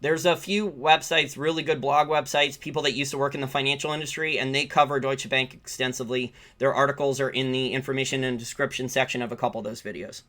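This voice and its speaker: Speaking quickly with few pauses, this American finance channel host has a steady, medium-pitched voice with a sharp edge. He responds to live viewer questions through informal, opinionated, improvised market commentary and repeats points for emphasis.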